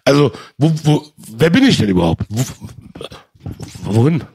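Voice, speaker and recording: A man from Germany talks passionately in a casual chat, repeatedly calling his listener "brother." His medium-pitched voice is gravelly, husky and darkish, moving through big pitch swings at a measured pace.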